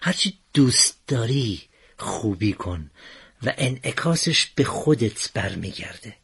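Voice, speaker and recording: Patient father figure, low and husky; a man voicing him. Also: big pitch swings, fairly bright tone, exaggerated voice. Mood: calm teaching. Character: wise patient father, calm middle-aged man.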